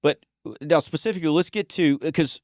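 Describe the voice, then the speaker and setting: A man's voice: fairly high pitch, fast, a little mellow, no echo, clean studio sound. A man co-hosting a podcast about sales, talking in a folksy, joking way that often trails off and restarts words. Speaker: podcast co-host and sales trainer. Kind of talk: casual conversational chat.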